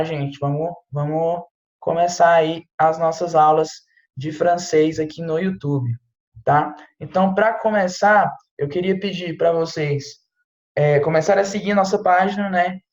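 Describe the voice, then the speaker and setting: A man's voice: fairly high pitch, steady tone, normal speed, a little mellow. Guy giving a chill french lesson, keeps going tá? né?, kinda echoey room and dull sound. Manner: chatty, peppers speech with "tá?" and "né?". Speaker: French teacher. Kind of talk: casual online language lesson.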